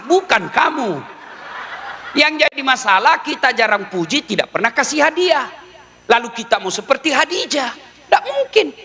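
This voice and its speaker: High bright preacher guy, comic sermon, voice jumping all over. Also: slight background noise. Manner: animated, mimics widows and wives in a low voice, sings snatches.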